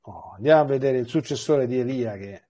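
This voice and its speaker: A male priest delivering a Bible lesson in a husky, mellow voice. He talks in a lively, rambling way, stumbling over restarts before pressing on. His pitch sits in a middling range. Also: brisk. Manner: animated and digressive, with stammered restarts; reads scripture aloud and then comments on it. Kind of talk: biblical catechesis lecture.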